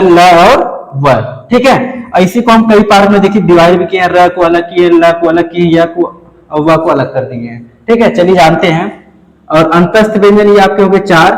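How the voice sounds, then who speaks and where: Man teaching at a board, echoey room. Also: high voice. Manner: explains at a board, asks and answers his own questions. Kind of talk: classroom lecture.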